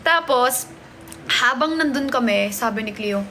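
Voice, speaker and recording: A woman's voice: a little high, lively intonation, a little slow, pushed and bright, a little hiss or hum. A woman hosting a casual live stream from a hotel, chatting and greeting viewers as she reads their comments. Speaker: livestream host. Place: hotel room.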